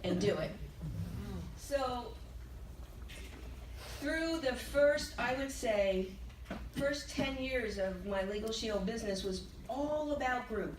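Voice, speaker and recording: Slowly and in a fairly high voice, an older woman gives a personal testimony at a sales training session held in a big meeting room. She is open and emotional, laughing often as she remembers, and the far-away mic records echo and slight background noise.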